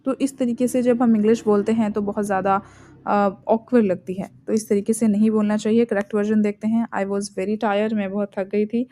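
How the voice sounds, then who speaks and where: A woman with an Indian accent teaching spoken English in Hindi, reading English example sentences slowly and deliberately. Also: mid-range voice, flat delivery, dark tone.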